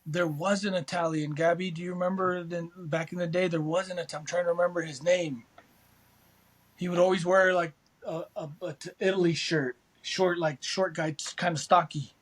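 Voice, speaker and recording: A man's voice: high voice, steady tone, normal speed, breathy edge. A man co-hosting a casual sports podcast, laid-back and rambling, swearing freely. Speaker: podcast co-host.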